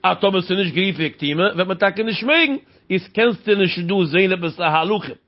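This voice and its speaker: A man's voice: high voice, lively intonation, normal speed. A man explaining a Talmud passage in a sing-song cadence, asking rhetorical questions along the way. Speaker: Talmud teacher. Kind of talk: Talmud study lecture. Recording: dull lo-fi recording.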